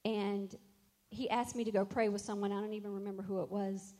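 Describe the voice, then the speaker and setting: A woman's voice: mid-range voice, level tone, brisk, warm tone. A middle-aged woman, a worship leader, telling a personal faith testimony in an earnest, reflective way and quoting scripture.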